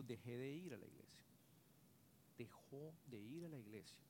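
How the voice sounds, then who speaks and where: A middle-aged man preaching a sermon as pastor, earnest and confessional, swinging between loud stressed words and hushed asides. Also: mid-range voice, in a large hall, slight background noise.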